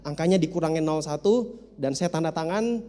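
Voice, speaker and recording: A man's voice: on the high side, a little fast, dark tone. A man giving a storytelling seminar talk as a motivational speaker, humorous and speaking straight to his audience. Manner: humorous, addresses the audience directly. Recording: reverberant hall.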